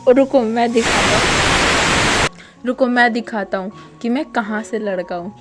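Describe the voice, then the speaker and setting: A woman's voice: fairly high pitch, measured pace, a bit bright, faint music behind. A woman voicing a smug, teasing young husband. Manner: bossy, mocking drawl. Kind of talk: casual storytelling with voiced lines.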